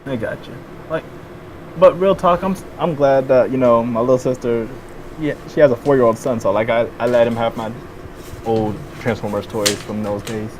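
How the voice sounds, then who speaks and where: A man's voice: mid-range voice, moderate pace, background noise. A man in his late twenties chatting on a podcast, hesitant, swearing often and filling gaps with "um". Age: 20s. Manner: hesitant, profane, many ums. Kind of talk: casual chat.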